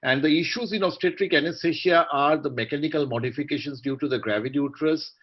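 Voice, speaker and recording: An Indian-accented man with a polite, measured, articulate manner, moderating a formal online panel of doctors. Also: on the high side. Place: online video call. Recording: dull, muffled video-call audio.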